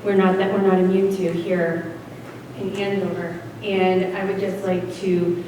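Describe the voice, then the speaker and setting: A woman's voice: lowish voice, level tone, measured pace. A woman who is a social worker giving an earnest public comment at a town meeting, with many ums. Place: school gym at a town meeting. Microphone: standing floor mic, far camera. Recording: echoey hall from far off with noise.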